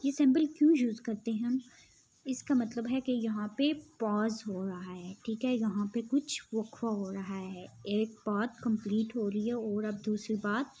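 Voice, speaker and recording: A woman's voice: on the high side, fairly even intonation, measured pace, warm tone, a little hiss or hum, poor audio. A woman giving an explanatory online grammar lesson as an English teacher, patiently repeating points and checking in with her listeners.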